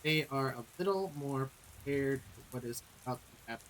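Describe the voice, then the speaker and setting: A man's voice: medium pitch, fairly bright tone, a little hiss or hum, poor audio. A man acting as game master, narrating combat and calling for dice rolls in a tabletop game. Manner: measured, calls for rolls and narrates combat results.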